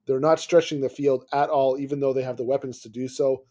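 A man co-hosting a sports podcast, talking in long runs with restarts and getting animated and laughing when riled. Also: mid-range voice, brisk. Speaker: podcast co-host. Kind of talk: casual sports podcast chat.

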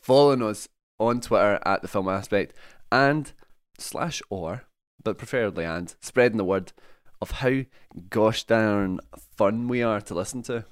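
A man's voice: lowish voice, unhurried, smooth, no room sound, clean studio sound. A young Scottish man hosting a film podcast, joking and laughing often, chatty and rambling. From Scotland. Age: young adult. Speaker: podcast host. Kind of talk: casual film podcast chat.

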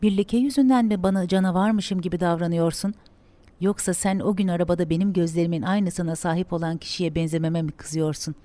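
A woman's voice: on the low side, steady tone, a little fast, warm tone, no echo, close to an everyday voice. A woman voicing a hurt young woman who answers her sister in a broken, pleading voice. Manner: wounded, pleading.

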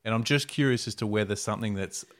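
A man's voice: on the low side, fast talker. An Australian man hosting a podcast, asking questions in a casual, conversational way. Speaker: podcast host. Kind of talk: casual interview chat.

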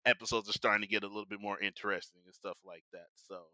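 A man's voice: on the low side, steady tone, quick pace, bright, forceful tone, no room sound. A man hosting a podcast, chatting casually about anime in an informal, slangy, upbeat way. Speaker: podcast host.

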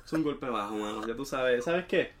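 A man's voice: medium pitch, animated, normal speed. A man who can't roll his R, joking around as a podcast co-host and switching between Spanish and English. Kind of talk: casual podcast banter.

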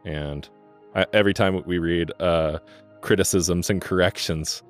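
A man's voice: low voice, fairly even intonation, unhurried, faint music behind. A man co-hosting a podcast, explaining his thoughts on a book in a thoughtful, casual way. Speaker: podcast co-host.

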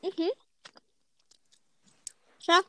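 A young female voice chatting while playing a video game, giggly and easily excited. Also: extremely slow, no echo. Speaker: player. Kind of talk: casual gaming chat.

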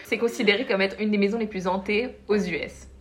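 A young woman telling a ghost story to friends in a casual, lively way, with dramatic pauses. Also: mid-range voice, slight background noise.

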